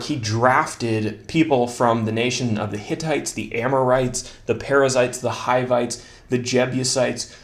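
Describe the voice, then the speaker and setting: A man walks through a Bible chapter in a relaxed, conversational teaching style. His voice sits at an ordinary middle pitch, and he keeps things light, poking fun at his own stumbles as he goes. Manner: relaxed, self-deprecating, laughs at his own slips. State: slightly out of breath. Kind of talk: casual Bible study lesson.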